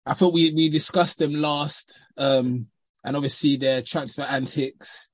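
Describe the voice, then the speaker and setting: A man's voice: a little high, fairly even intonation, a little slow, no echo. A man with a London roadman accent chatting informally and slangily as a panellist on a football podcast. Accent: London, urban slang. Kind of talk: casual football chat.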